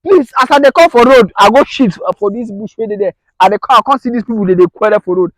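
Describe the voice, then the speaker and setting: A young man with a Nigerian Pidgin English accent, acting in a comedy skit and talking in a loud, quarrelsome way. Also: high voice, quick pace, no room sound, low-quality recording.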